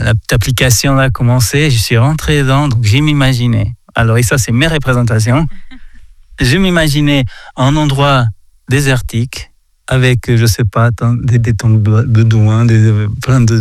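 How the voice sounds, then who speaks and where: Halting, reflective man in a dry room. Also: mid-range voice, fairly even intonation, a little mellow, no echo. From Portugal. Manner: halting, many restarts and repeated words. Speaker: speaker sharing a reflection. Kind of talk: reflective faith talk.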